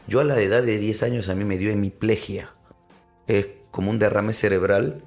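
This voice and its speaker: Podcast guest: young man, low gravelly voice, animated storyteller, faint music behind. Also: moderate pace. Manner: animated storyteller, addresses listener as brother. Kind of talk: storytelling in casual interview.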